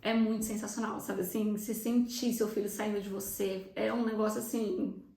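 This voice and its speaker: Mid-range, mellow and gravelly, this young Brazilian woman's voice stays level in tone, with reverb and a Brazilian Portuguese accent. In a chatty, fast vlog she shares the emotional story of her birth, nearly in tears and often talking to her viewers directly.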